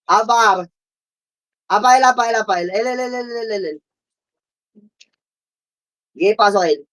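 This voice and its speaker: A woman's voice: fairly high pitch, slow pace, fairly bright tone. A woman calling out commands to her team during an online game, firing off repeated orders and counts with lots of swearing. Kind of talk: live gaming voice chat callouts.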